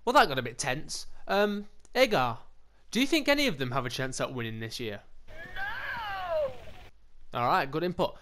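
A man's voice: medium pitch, big pitch swings, fairly quick, sharp tone, slight background noise. A man hosting a casual commentary show, mocking and profane. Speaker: show host. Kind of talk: casual commentary over clips.

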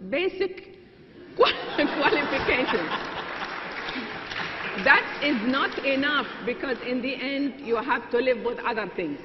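A woman's voice: high voice, a little hiss or hum. Brief: older woman panelist, didactic with chuckles, roomy echoing studio hall. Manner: lecturing, laughing asides. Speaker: debate panelist, planner. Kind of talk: televised debate argument. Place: TV studio stage, large hall. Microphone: lapel mic. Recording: roomy, dull hall recording.

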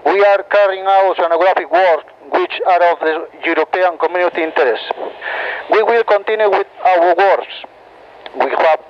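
A man speaking over marine VHF radio as a ship's operator, repeating a formal statement in a careful, halting way. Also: high voice. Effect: marine VHF radio transmission. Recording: muffled radio channel with faint static.

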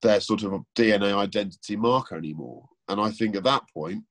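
A man speaks in a deep, breathy voice that sits low in his chest. He talks through opinions on cars in a casual interview, thinking aloud and often restarting his sentences. The sound comes over a remote call. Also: brisk, a bit bright. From England. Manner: thoughtful, opinionated, many restarts. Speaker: guest, car presenter.

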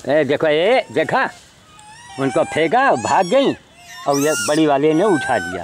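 A man records himself outdoors as he hands out food to animals. He calls them in and shoos them off, then turns to the camera for chatty remarks. His pace is unhurried and his pitch swings widely, with clear outdoor noise behind him. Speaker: vlogger feeding animals. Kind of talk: outdoor handheld vlog narration. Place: outdoors, rural spot with animals.

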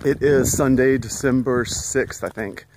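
A man's voice: mid-range voice, fairly even intonation, unhurried, background noise. A middle-aged man in a casual walking vlog, chatty and earnest, a little out of breath, filling his talk with "you know". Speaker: vlogger. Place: outdoors at a school.

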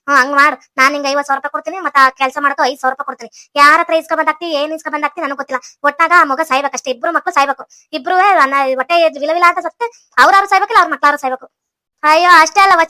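A woman voices a villainous cartoon matriarch, bossy and scheming, with a North Karnataka Kannada lilt. The voice sits very high and bright and races along, dry and close to the mic. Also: no echo. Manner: plotting, bossy, bargaining. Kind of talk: cartoon comedy voice acting.

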